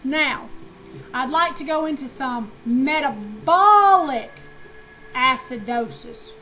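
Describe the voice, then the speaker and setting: A woman teaching nursing students in a lively, slangy lecture, asking questions and answering them herself. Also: high-pitched, slow, slight background noise, rough recording. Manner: animated, slangy, asks and answers own questions.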